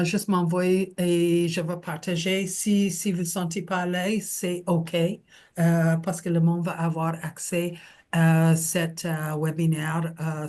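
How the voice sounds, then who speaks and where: A woman hosting a webinar on a video call, speaking haltingly with many fillers. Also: lowish voice, darkish tone. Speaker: webinar host.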